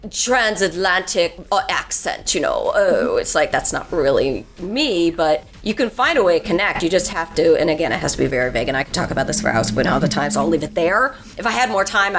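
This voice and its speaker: A woman voice actor in a convention interview, speaking at length and acting out the lines she quotes. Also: sits low. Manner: animated, talks at length with acted-out quotes.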